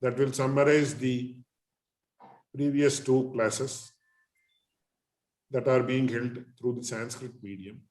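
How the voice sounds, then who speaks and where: A man teaching in a measured, deliberate way, phrase by phrase, as in a scholarly religious lecture. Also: medium pitch, fairly even intonation, darkish tone. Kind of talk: lecture on Sanskrit literature and philosophy. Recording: echoey, roomy sound.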